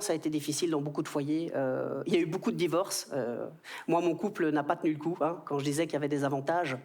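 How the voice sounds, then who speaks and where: A man in his thirties with a Belgian French accent, performing an animated stand-up comedy routine on stage. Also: high-pitched. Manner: animated, jumps into quoted voices. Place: stage before a live audience.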